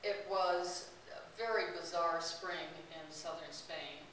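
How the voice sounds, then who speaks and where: A woman gives a chatty talk to an audience about a long walk she took, laughing often as she tells her stories. Her lowish voice is slow and a bit bright, captured in a distant, roomy, hissy recording.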